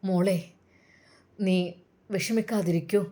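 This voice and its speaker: A woman's voice: mid-range voice, fairly even intonation, slow pace, close to an everyday voice. A woman voicing a kindly, motherly older woman who coaxes and reassures. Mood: coaxing. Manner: warm coaxing, repeats endearments.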